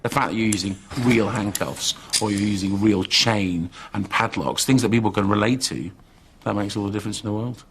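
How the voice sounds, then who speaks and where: A man's voice: on the low side, brisk, fairly bright tone. A man talking in an offhand, rambling way in a documentary interview. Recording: distant mic with background noise.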